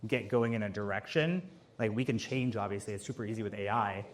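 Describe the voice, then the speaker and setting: A man's voice: lowish voice, a little fast. A young man answering questions at a live event, talking casually with lots of "like" and "um". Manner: casual, filler-heavy, lots of "like". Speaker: AI consultant on stage. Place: office event space with audience.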